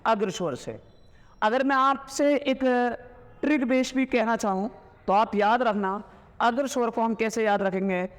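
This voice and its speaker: A man with a high voice gives a classroom lecture, sounding out vowels loudly to demonstrate them. He asks his students questions, answers them himself and dictates slowly with repeats. The room has a long, ringing reverb. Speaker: teacher.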